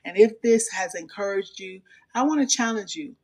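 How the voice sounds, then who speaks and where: This is a devotional speaker with a voice of ordinary middle pitch, neither high nor low. The delivery is measured and affirming, built on repeated encouraging phrases. The speaker addresses the listener directly, as a channel host. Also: expressive, a little mellow. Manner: measured, repetitive affirming cadence. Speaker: host of a faith and mental health channel.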